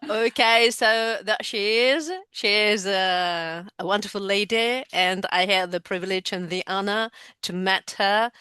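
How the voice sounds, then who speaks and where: Bright, crisp woman hosting a class. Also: mid-range voice, steady tone, a little slow, no room sound. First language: Spanish. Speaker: English teacher and host.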